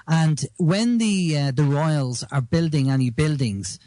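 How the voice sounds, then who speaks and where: A man's voice: fairly high pitch, unhurried, dark tone, no echo. A man from Ireland who is a guest on a radio talk show, explaining and telling stories in a casual chat. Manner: storytelling, explanatory.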